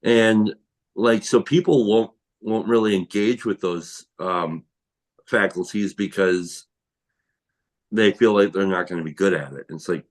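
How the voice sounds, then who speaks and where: A man talking casually and reflectively about creative work, rambling with frequent restarts and fillers. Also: lowish voice. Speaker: tile worker who makes videos. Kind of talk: casual conversation.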